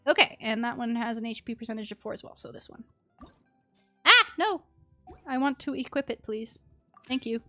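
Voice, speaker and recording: This streamer's voice is a little high, bright and forceful, expressive at a normal speed with frequent pauses. She chats casually during live gameplay, thinking aloud and muttering as she reads, while music plays behind her.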